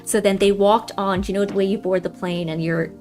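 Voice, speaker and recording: A young woman chats through a game livestream, her voice at an ordinary middle pitch. She rambles, restarts her sentences and drops in plenty of ums, and she keeps turning to her viewers and calling them guys. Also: steady tone, brisk, a little mellow, soft background music. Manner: chatty, rambling, many fillers and restarts, addresses viewers as guys. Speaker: livestream host. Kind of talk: casual storytelling during a game livestream.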